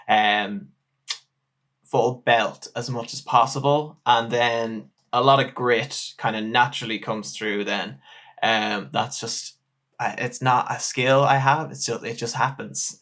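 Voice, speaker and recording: A young Irish man talking casually about his own song, relaxed and chatty with plenty of ums and likes. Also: medium pitch. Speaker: musician. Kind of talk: casual music breakdown talk.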